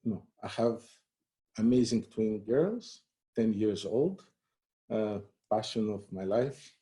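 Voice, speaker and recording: A man from Greece talks about his career as an interview guest, relaxed and conversational, with plenty of "you know" and small restarts. His voice is dark and mellow. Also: fairly low pitch, slow. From Greece and the United States. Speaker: head of human resources, interview guest. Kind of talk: live-streamed interview.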